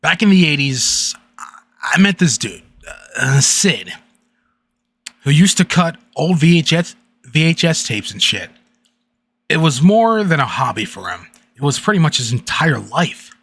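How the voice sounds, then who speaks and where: A man streaming late at night, chatting haltingly with many fillers and then reading a creepy internet story aloud. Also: on the high side, very animated, a bit bright, breathy edge. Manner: halting, filler-heavy chat between readings.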